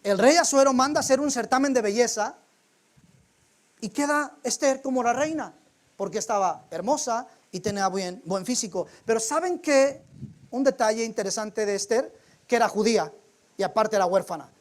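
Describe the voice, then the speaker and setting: A man's voice: extremely high pitch, moderate pace. A man preaching a sermon in a church, telling the story in a colloquial, humorous way.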